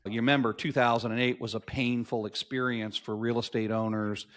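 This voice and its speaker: A man's voice: medium pitch, flat delivery, a little fast, fairly bright tone. A man in his fifties, a podcast guest telling stories in an emphatic, motivational way and repeating key phrases for effect. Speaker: podcast guest, marketing agency owner. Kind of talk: animated interview storytelling.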